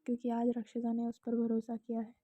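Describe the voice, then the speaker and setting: A woman voicing a thoughtful young woman in a storybook tale, speaking low and inward as she steadies herself. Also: monotone, fairly quick, mellow, no echo, highs cut off, close to an everyday voice. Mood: quiet resolve.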